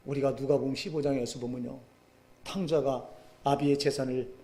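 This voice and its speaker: A man preaching a sermon as pastor, swinging between loud impassioned exclamations and low quiet asides. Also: vocal fry. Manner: acts out biblical quotes dramatically.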